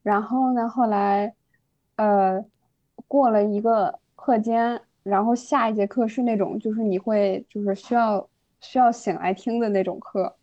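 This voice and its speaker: A young woman recounting a school anecdote in lively casual podcast chat. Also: medium pitch, a little slow, no room sound. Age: young adult. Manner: animated anecdote telling. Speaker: podcast guest. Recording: dull lo-fi dry sound.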